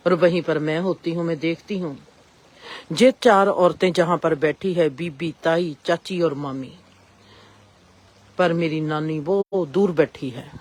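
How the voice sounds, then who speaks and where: Slow, husky-voiced woman giving a spiritual talk. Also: low voice, a little mellow. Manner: reflective, asks rising rhetorical questions. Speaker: spiritual speaker. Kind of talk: spiritual discourse.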